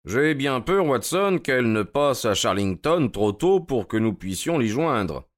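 A brisk, impatient detective from an audiobook, played by a male narrator, giving quick, commanding orders with urgency. His voice sits a little higher than the narrator's own. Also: very animated. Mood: urgent. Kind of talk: audiobook character reading.

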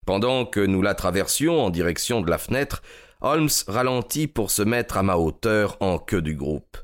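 Casting: man, lowish voice, steady audiobook narration. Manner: steady, measured storytelling.

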